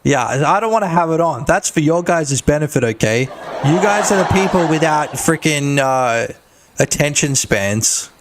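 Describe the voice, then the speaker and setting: A man's voice: on the high side, expressive, a little slow, a little hiss or hum. A man streaming his game development work, chatting casually and joking with his viewers while he works. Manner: chatty, joking, talks to chat. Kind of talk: casual livestream commentary.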